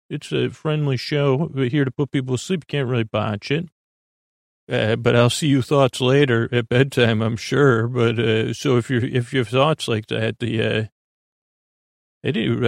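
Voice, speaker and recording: A middle-aged man with a creaky, medium-pitched voice hosts a sleep podcast, delivering a rambling bedtime monologue. He meanders through tangents, interrupting himself with many uhs and restarts, in a dry, studio-quality recording.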